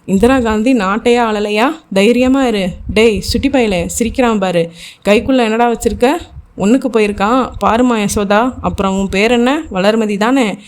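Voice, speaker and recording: A woman's voice: fairly high pitch, moderate pace. Woman narrating a thriller novel. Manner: reads every character's lines in her own voice. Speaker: audiobook narrator. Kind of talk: scripted novel narration with voiced dialogue.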